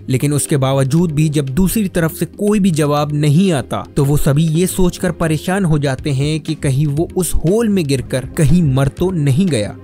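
A man's voice: a little high, dark tone. A young man narrating a true story in a dramatic, suspense-building way into a desk mic in a small room. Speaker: documentary narrator. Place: small decorated room indoors. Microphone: desk mic on boom arm. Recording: faint background music. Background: faint music.

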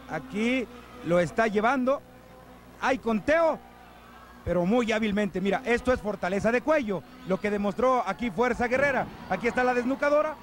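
A man with a Mexican accent, a wrestling commentator giving animated live lucha libre commentary and exclaiming over the moves. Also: very high-pitched. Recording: noisy old TV broadcast, arena ambience.

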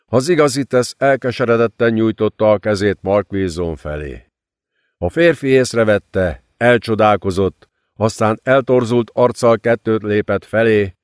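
A man's voice: on the low side, clear, resonant tone, dry recording, clean studio sound. A man reading an audiobook with dramatic narration. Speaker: audiobook reader.

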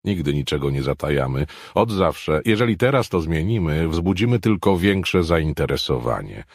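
A man voicing a calm, controlling male boss who coaxes answers out of his men. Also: rumbling low, slightly rough, no room sound, studio quality, voice pushed up, exaggerated voice. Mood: coaxing. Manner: measured, coaxing.

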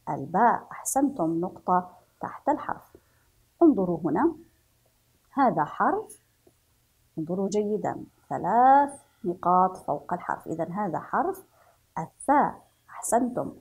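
A female teacher with a Yemeni Arabic accent slowly leads a children's reading lesson, repeating words for the pupils and praising them often. Her medium-pitched voice has a darkish, slightly rough tone, and the recording is rough.

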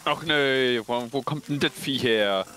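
A man's voice: mid-range voice, a little slow, crowd noise. A man chatting casually as a partner in a multiplayer game. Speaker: co-op gaming partner. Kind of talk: casual gaming chat. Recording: noisy, game sounds behind voice.

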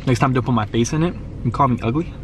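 A man's voice: medium pitch, rapid-fire, noisy background. A young man bantering in a parked car, joking, complaining and swearing. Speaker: vlogger's gym partner. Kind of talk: casual banter.

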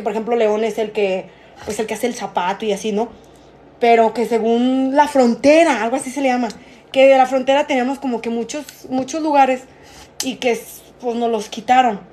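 A woman's voice: fairly high pitch, warm tone. Slangy Mexican woman streaming from home. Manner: rambling, slangy, swears freely. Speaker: live streamer. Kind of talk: casual live stream chat. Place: at home, alone.

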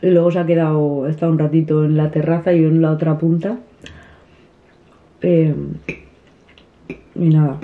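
Her voice is low-pitched with little pitch movement, at a normal speed with long pauses. She's a family vlogger in her thirties, eating at home and talking casually to the camera in a soft, chatty way with frequent restarts. A close camera on the table in the small dining room records a tinny, phone-like sound.

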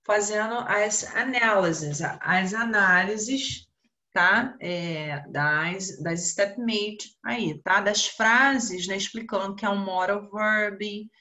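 A woman teaching English in a live online class with a Brazilian Portuguese accent, explaining exercises slowly with many fillers and tag questions. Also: medium pitch, pushed and bright. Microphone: video call.

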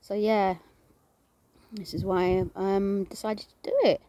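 This is a casual, self-shot phone video of a woman, a vlogger and animal rescuer, rambling in her garden with lots of filler words. Her voice is mid-range, mellow and unhurried, delivered flatly, over slight background noise.

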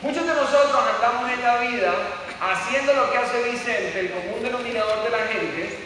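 A man's voice: extremely high pitch, moderate pace, pushed and bright, slight background noise. A middle-aged man giving a motivational seminar talk, telling stories and firing rhetorical questions at the audience. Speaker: seminar speaker. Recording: echoey hall from far off.

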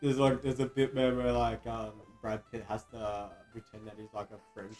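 A man's voice: on the low side, completely flat delivery, normal speed, darkish tone, soft background music. A young man co-hosting a let's play, chatting casually, laughing often and ending lines with "man". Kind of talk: casual gaming chat.

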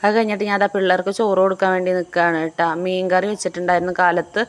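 A woman's voice: lowish voice, flat delivery, racing. A young pregnant woman from Kerala, narrating her family vlog in a chatty, homely way. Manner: chatty, homely, adds tag words to sentences. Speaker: family vlogger.

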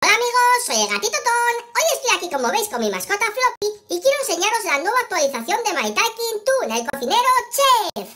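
A performer voicing an excitable little male cartoon kitten chef, exclamatory and childlike, presenting a game to young viewers. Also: extremely high pitch, fairly quick, hardly any pauses, exaggerated voice. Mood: cheerful. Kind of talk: children's video game showcase, acted narration.

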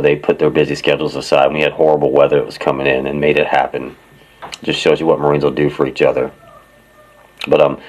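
A man who is a retired Marine and hosts a channel, talking casually to his viewers in a plain-spoken, halting way with many fillers. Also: a bass voice, low-quality recording. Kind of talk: casual talk to camera.

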